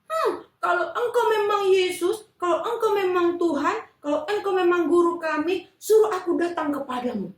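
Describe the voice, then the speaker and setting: A woman's voice: extremely high pitch, lively intonation, moderate pace, pitched above the performer's own voice. A woman voicing an impulsive, awestruck male fisherman disciple, exclaiming breathlessly. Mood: pleading. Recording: echoey room, mic far off.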